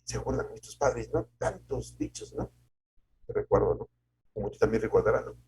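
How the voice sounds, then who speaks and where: A man preaching a devotional sermon as a pastor, conversational with tag questions, moving between loud emphasis and soft asides. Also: fairly low pitch, lively intonation, brisk, husky.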